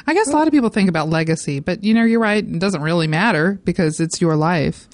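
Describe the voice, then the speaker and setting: A woman's voice: lowish voice, animated, fast talker, darkish tone, dry recording. Casting note: woman podcast co-host, chatty recapper, dry close mic. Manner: chatty, explains plots at length. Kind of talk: casual TV recap chat.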